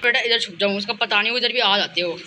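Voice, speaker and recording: Very high-pitched panicky young male gamer. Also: fast talker, pushed and bright, a little hiss or hum. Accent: Indian. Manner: panicky, talks to himself by name. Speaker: gaming channel host. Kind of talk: excited horror game commentary.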